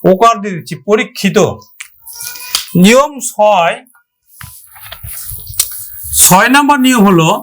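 A man's voice: high voice, lively intonation, moderate pace, long pauses, a bit bright. A man teaching a grammar lesson for exam preparation, asking his students rhetorical questions and sounding out words syllable by syllable.

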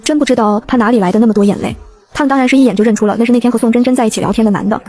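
A woman reads a first-person novel aloud at a breakneck pace. Her voice sits somewhat high for a woman, and the reading stays brisk and scripted throughout. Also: mellow. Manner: rapid, brisk storytelling. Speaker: audiobook narrator.

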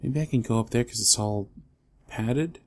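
A young adult man commentating a horror game, dropping to whispers and breaking into loud panicked yelps. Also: mid-range voice, moderate pace, slight background noise. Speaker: gamer. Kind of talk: let's play commentary.

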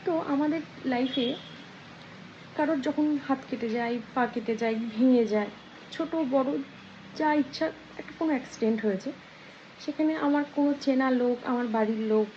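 High-voiced woman telling a folk tale. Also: moderate pace. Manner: lively retelling of a folk tale, acting out the characters' lines. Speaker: vlogger. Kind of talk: casual storytelling. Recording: dull lo-fi sound with faint noise.

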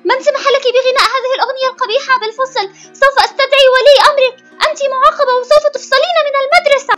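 A woman's voice: very high voice, steady tone, racing, sharp tone, soft background music. A woman voicing a strict schoolteacher doll with a bossy, scolding manner. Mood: stern.

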